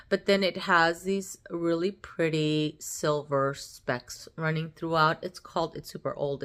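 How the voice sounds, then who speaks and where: A woman vlogger chats casually about her nail polishes in a low, slightly bright voice that sounds nasal and congested. She's full after eating, and her upbeat, rambling product talk is scattered with ums and small laughs.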